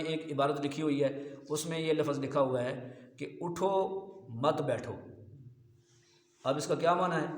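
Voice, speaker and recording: A man giving a sermon as an Islamic preacher, in a rhetorical manner, often asking his listeners whether they follow. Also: fairly high pitch. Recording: echoey hall reverb.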